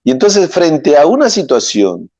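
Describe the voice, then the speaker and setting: A middle-aged man, a priest, giving a homily full of anecdotes and often pausing to search for words. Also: a little high, wildly swooping pitch, warm tone, dry recording. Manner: rambling, searches for words, many fillers. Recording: dull, dry lo-fi sound.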